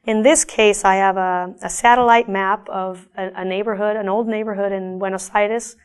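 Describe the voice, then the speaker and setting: A woman's voice: medium pitch, fairly even intonation, smooth. Thoughtful woman artist from Argentina. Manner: thoughtful, halting, with frequent restarts. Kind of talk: speaking about her own artwork.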